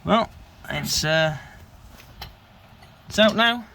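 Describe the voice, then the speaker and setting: A man's voice: high-pitched, lively intonation, very slow, gravelly, pushed and bright, slight background noise. A man doing a casual, self-deprecating how-to narration while working on his car in a garage. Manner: chatty, self-deprecating, rambling. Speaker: car build vlogger. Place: garage workshop.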